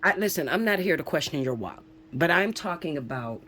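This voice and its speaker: A woman's voice: sits low, lively intonation, a little fast, a bit bright, slight background noise. A woman in her forties, a spiritual reader talking casually and emphatically to viewers, swearing freely and often checking in with "okay?". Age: 40s. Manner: emphatic, preachy, swears, keeps asking "okay?". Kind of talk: casual spiritual vlog talk.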